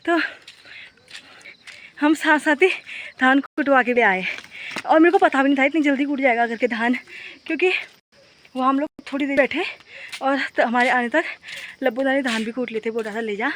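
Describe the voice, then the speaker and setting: A young woman from the Uttarakhand hills vlogging casually with a phone while she works outdoors in the forest and fields. She talks loudly and laughs a lot. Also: sits high, brisk, slight background noise. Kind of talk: casual vlog narration.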